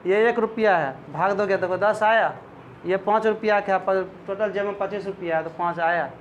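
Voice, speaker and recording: Guy teaching maths in class, high voice, keeps asking the kids questions, muffled lo-fi sound. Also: moderate pace, slight background noise. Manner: explains step by step, asks students questions often.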